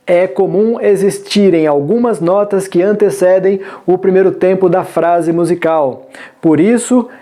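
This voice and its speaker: Dark-voiced male forró teacher. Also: high-pitched. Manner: measured, explanatory, sings short lyric lines to demonstrate counting. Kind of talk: instructional video lesson.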